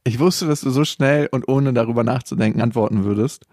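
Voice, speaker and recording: A man in his thirties co-hosting a casual podcast, asking playful, teasing questions and jumping into quick jokes. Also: medium pitch, darkish tone, dry recording, studio quality.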